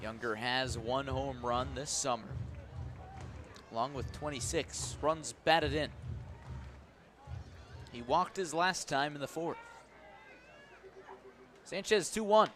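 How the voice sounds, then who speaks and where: Calling a baseball game live on radio from an outdoor ballpark, a medium-pitched man speaks slowly and pauses often. His descriptions are clipped, and his energy climbs when something happens on the field.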